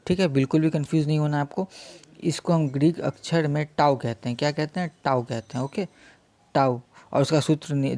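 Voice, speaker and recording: A young man teaching a casual exam-prep physics lesson, speaking slowly and repeating himself, constantly checking in with his listeners. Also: mid-range voice, a little mellow, dry recording. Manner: slow, repetitive, checks in with "theek hai" constantly.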